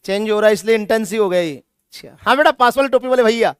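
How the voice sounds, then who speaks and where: A man's voice: sits high, fast talker, clean tone, dry recording, studio quality. A male chemistry teacher lecturing a classroom, scolding students and repeating his points with emphasis.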